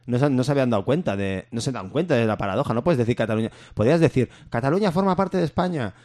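A man's voice: medium pitch, very fast, darkish tone. A man chatting casually and jokingly on a podcast, rambling through a comic argument. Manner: rambling, jokey, breaks into laughter. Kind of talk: casual comedic chat.

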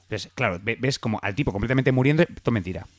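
A man's voice: medium pitch, rapid-fire, no echo. A man co-hosting a casual comedic chat about the news, playful and rambling. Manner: animated, playful, rambling asides. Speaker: podcast co-host.

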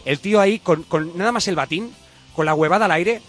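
A man's voice: sits high, brisk, a bit bright, soft background music. A man co-hosting a comedy show, gossipy, campy and theatrical. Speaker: co-host. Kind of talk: comedic radio banter.

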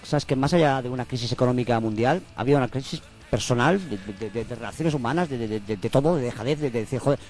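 A man co-hosts a comic radio chat at a rapid-fire pace. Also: mid-range voice, darkish tone, soft background music. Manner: stammering, joking. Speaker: radio co-host.

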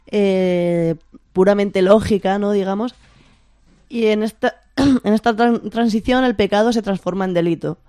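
A speaker of unclear sex with a Spain accent and a slight lisp, explaining informally and haltingly, often checking with short tag questions. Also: medium pitch, darkish tone, clear, resonant tone, no room sound, studio quality. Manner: lisping, pronouncing s as th. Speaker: discussion leader.

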